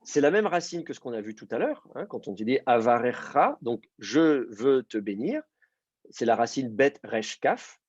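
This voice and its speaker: Male teacher, patient and methodical, husky timbre, dull dry recording. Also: mid-range voice, a little mellow, dry recording. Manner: patient, explains step by step with many fillers. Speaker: Hebrew teacher. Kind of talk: online class explanation.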